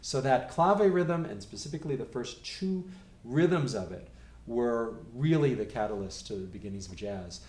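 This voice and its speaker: A middle-aged man teaching a piano rhythm lesson, counting beats aloud in a calm, patient way. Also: mid-range voice, normal speed. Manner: calm, patient, counts steadily and talks the class through exercises. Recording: echoey room with faint noise.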